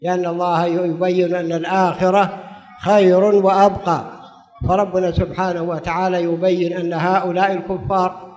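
High-voiced man preaching in formal Standard Arabic. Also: flat delivery, normal speed, darkish tone. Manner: formal opening invocations, explains by repeating phrases. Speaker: preacher giving a Quran commentary lesson. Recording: long hall reverb.

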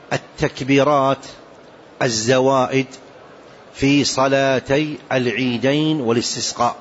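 A man delivering a religious jurisprudence lesson at a measured, deliberate pace, often repeating key phrases. His voice sits at an ordinary middle pitch. The recording is dull and lo-fi, with a faint background hiss. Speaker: Islamic jurisprudence teacher.

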